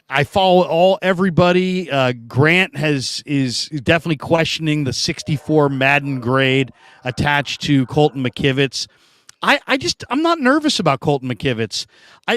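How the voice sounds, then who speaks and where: A man hosting a casual sports talk show, animated and jumping up in pitch for emphasis. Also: no room sound, studio quality.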